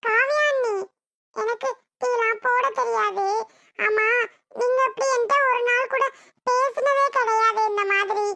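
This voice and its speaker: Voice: very high voice, steady tone, a little slow, creaky, pushed and bright, slight background noise, heavily acted. A voice actor playing a meek, hurt younger sister-in-law in a cartoon, speaking with a Tirunelveli Tamil accent. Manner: meek, hesitant. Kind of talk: cartoon voice acting.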